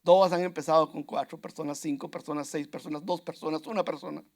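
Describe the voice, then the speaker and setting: A man's voice: fairly high pitch, steady tone, fast talker, darkish tone. A man preaching a sermon to his congregation in an earnest, repetitive way, often calling out to his brothers and sisters. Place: church.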